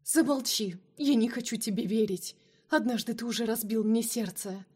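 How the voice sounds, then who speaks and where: A woman voicing a jealous, fiery female vampire who shouts and hisses her accusations, in a storybook reading. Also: a little high, moderate pace, husky. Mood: furious.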